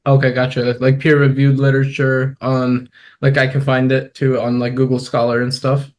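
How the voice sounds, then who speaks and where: A man's voice: medium pitch, completely flat delivery, moderate pace, a little mellow. A young man hosts a podcast interview in an easygoing, chatty manner. He is upbeat and fills his speech with casual fillers as he moves through his questions. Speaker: podcast host and biology student.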